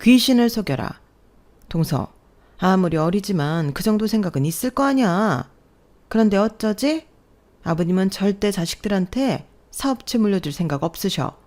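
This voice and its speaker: A woman's voice: medium pitch, animated, moderate pace, a little mellow, lightly acted. A woman voicing condescending older sisters-in-law in an audio story, mocking the young bride sarcastically. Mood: sneering.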